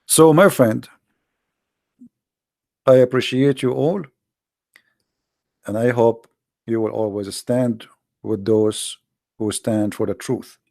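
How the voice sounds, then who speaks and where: A daily broadcast host whose first language is Arabic preaches to his viewers in a blunt, emphatic livestream monologue. His gravelly, mid-range voice is a little mellow, moving slowly with long pauses. The sound is dry and close, without room echo.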